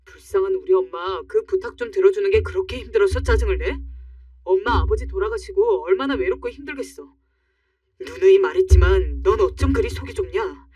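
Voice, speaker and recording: A storyteller voicing a quick-tempered, defensive husband who accuses his wife with a raised voice. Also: medium pitch, a little mellow, dry recording, clean studio sound, distant mic, lightly acted. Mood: accusing.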